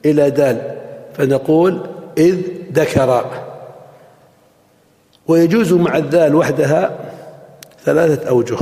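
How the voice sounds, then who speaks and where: A man teaching a classical grammar lesson, slowly repeating words to drill their pronunciation. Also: fairly high pitch, gravelly, dark tone. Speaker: Arabic morphology teacher. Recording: echoey hall.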